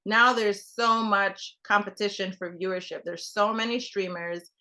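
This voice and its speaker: Young woman from trinidad, tv producer just chatting, bright voice, lots of likes and um's. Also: medium pitch, steady tone, measured pace, rough recording. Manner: rambling, many fillers and restarts. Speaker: television producer, guest. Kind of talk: casual conversation.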